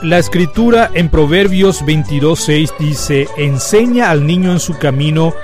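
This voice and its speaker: Soft-spoken radio host. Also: male voice, fairly high pitch, measured pace, over music. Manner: calm, scripted introductions and gentle questions.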